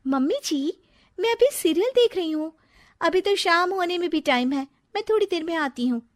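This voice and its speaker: Cheeky young daughter-in-law voiced by a woman: sassy, very high voice, dry close sound. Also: expressive, normal speed, dry recording. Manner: sassy, talks back. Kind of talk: storybook drama acting.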